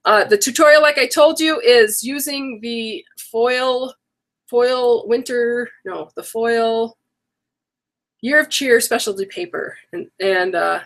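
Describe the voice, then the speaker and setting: The audio is poor as a middle-aged woman, her voice a little high and fairly bright, hosts an online craft workshop. It's a casual live-stream chat where she rambles and self-corrects, and her voice sounds worn from an approaching cold.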